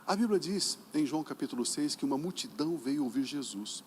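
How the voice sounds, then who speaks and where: High-voiced preaching man, emphatic. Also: lively intonation, fairly quick, slight background noise. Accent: Brazilian Portuguese. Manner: emphatic preaching, acts out dialogues, swings from soft to loud. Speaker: pastor. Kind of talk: sermon. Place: church sanctuary during a service.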